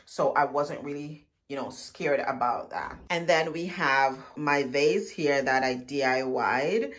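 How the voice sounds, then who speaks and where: Low-voiced woman chatting casually. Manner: chatty, relaxed, addresses viewers as guys. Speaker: DIY vlogger. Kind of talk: casual voice-over narration.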